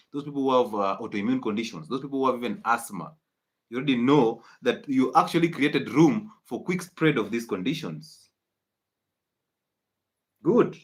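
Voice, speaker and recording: A man lectures his viewers in a live-streamed health talk. His pitch is middling, and his delivery is preachy and insistent, circling back to drive each point home. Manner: emphatic, preachy, repeats key points. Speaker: health educator.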